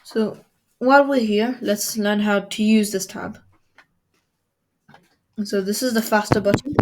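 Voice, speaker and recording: A woman in a screen-recorded coding tutorial, speaking in an even, mid-range voice. She explains each button plainly and step by step. Faint mouse clicks sit low in the background. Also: measured pace, noisy background.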